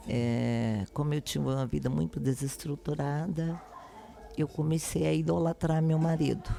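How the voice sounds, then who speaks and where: A woman pastor from Brasília, telling her life testimony slowly and earnestly in a podcast interview. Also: low voice, steady tone, vocal fry, warm tone. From Brasília, Brazil. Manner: slow, earnest, devout phrasing.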